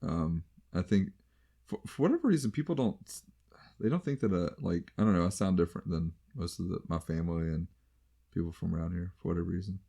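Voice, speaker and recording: A man's voice: low-pitched, quick pace, vocal fry, dark tone, breathy edge. A man with a light Southern US accent co-hosting a casual chat show, rambling and trailing off as he restarts his sentences. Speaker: podcast co-host.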